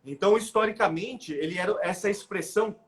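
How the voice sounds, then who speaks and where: Man, Brazilian Portuguese accent, middle-aged, interview guest, animated, restarts a lot, raised pitch. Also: a little fast. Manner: animated, with frequent "né?" tags and restarts. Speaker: guest expert. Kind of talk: conversational explanation in a live interview.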